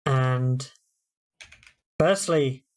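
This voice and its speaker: A British man on a sports podcast talks in a relaxed, chatty way. His pitch sits in the middle range, and he drifts easily into telling stories. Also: very slow. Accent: British English. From United Kingdom. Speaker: podcast co-host. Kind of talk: casual sports chat.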